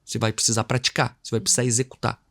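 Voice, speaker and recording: A man's voice: mid-range voice, flat delivery, rapid-fire, a bit bright. A man with a Brazilian accent, an invited trainer who explains in a didactic way and plays with his own intonation to create contrast. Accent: Brazilian Portuguese. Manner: acts out short dialogues to give examples. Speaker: communication and NLP trainer, guest. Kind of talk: explanatory interview talk.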